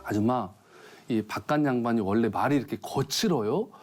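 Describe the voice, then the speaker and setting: A man's voice: mid-range voice, normal speed, darkish tone, faint music behind, close to an everyday voice. A man voicing a polite, firm male traffic policeman in a spoken joke. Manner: formal, official politeness.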